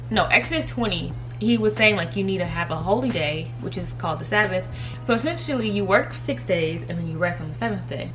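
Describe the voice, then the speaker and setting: In a casual makeup tutorial, a thirty-year-old woman who vlogs about beauty and faith giggles often and addresses viewers directly. She has a medium-pitched, fairly bright voice, captured on a rough recording.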